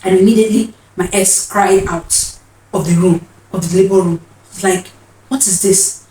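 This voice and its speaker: A woman's voice: mid-range voice, fairly even intonation, normal speed, dark tone. A woman, telling a personal story in an earnest, emotional way and often repeating her phrases. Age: 30s. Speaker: vlogger. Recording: roomy, distant mic, faint noise.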